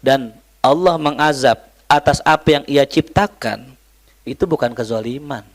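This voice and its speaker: A man's voice: medium pitch, a little slow. A man teaching an Islamic study class, mixing Arabic recitation with joking, colloquial asides to his students. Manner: lively, joking, colloquial Jakarta slang mixed with Arabic recitation. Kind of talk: religious study lecture.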